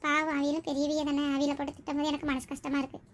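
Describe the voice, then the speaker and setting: A gentle, childless young village wife, speaking softly and tearfully, as a woman acts her out. Her voice is high and the talk runs very fast. It is a village skit. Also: completely flat delivery, close to an everyday voice. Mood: sorrowful. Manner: soft and tearful. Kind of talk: village comedy skit acting.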